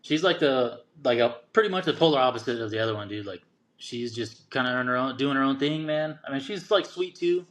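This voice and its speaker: A man's voice: medium pitch, expressive, fairly quick, a bit bright. A man who is a guest on a podcast, chatting casually in laid-back slang. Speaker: guest father. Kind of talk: casual interview chat.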